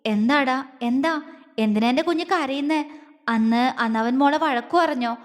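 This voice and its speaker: A woman voicing a doting older man who speaks softly and coaxingly to his young wife, with a long reverb on the voice. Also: sits high, normal speed, natural voice. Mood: tender. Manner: soft, coaxing, affectionate.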